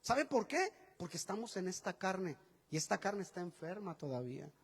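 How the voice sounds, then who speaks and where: A man preaching a sermon as pastor, animated and folksy, acting out quotes with chatty asides to the congregation. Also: high-pitched, moderate pace, slightly rough. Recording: long hall reverb.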